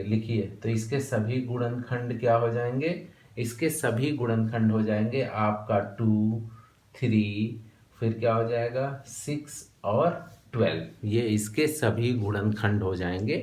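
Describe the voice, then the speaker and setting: A man's voice: on the low side, darkish tone. An Indian man teaching a maths lesson, dictating notes word by word and asking questions he answers himself. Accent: Hindi, from India. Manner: slow dictation, repeating words one by one; asks questions then answers them himself. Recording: echoey room, faint background noise.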